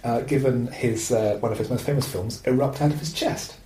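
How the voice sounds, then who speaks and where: Speaking briskly in a mid-range voice, this male podcast host rambles animatedly about a film, dropping in plenty of fillers. His reverberant recording has some hiss or hum and is of poor quality.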